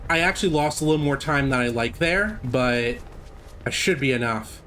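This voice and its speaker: A man with a medium-pitched, slightly bright voice talks at a normal speed, giving casual live commentary while playing through a speedrun. He's a gaming streamer, and game music and sounds play behind him along with a little hiss or hum.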